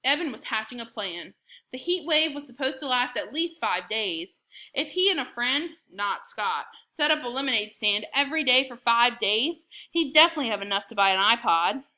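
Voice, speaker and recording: As a read-aloud narrator, a woman tells a children's chapter book in an expressive, clearly scripted delivery. Her slightly high voice has a very bright, forward edge, and she keeps a moderate pace.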